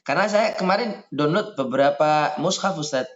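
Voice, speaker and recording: A man's voice: on the high side, moderate pace, echoey room. Man, polite student, deferential, video call, muffled lo-fi audio. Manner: polite and deferential, addresses the teacher respectfully.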